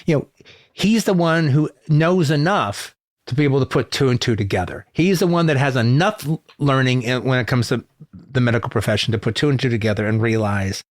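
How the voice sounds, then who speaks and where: A man's voice: mid-range voice, brisk, dry recording, studio quality. A man co-hosting a podcast, talking films in a rambling, emphatic way, with quoted asides. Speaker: podcast co-host. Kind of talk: casual film discussion.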